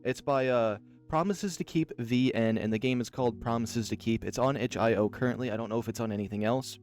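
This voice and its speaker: Soft music plays behind this Oregon man as he plays a visual novel and spins loose, filler-heavy stories. His mid-range voice is a touch mellow and moves a little fast.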